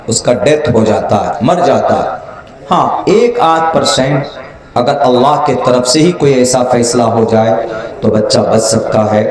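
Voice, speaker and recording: Indian Urdu preacher, echoing from afar. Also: male voice, on the high side. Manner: storytelling, spells out letters slowly for teaching. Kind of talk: religious sermon. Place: large hall at a gathering. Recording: echoey, from far off.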